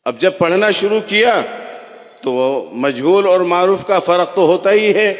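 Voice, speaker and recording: A man preaching a sermon in a mosque, telling stories and slowly chanting recitation examples. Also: high-pitched. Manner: storytelling, slows to chant Quran recitation examples. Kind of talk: religious sermon. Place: large echoing mosque hall. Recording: echoey hall reverb.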